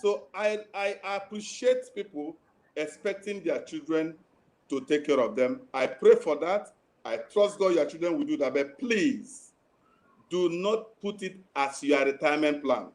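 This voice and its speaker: A man's voice: a little high, expressive, a little slow, a little mellow. A man giving earnest, pleading advice as a guest in an online interview, repeating his key points. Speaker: guest financial advisor.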